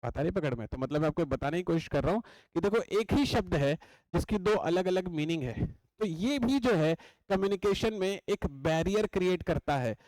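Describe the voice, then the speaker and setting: A man's voice: high-pitched, animated, normal speed, a little mellow, dry recording, rough recording. A young man giving an exam-coaching lecture. He explains in a chatty way, repeats his points and often checks that the class is following. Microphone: writes on a board while talking.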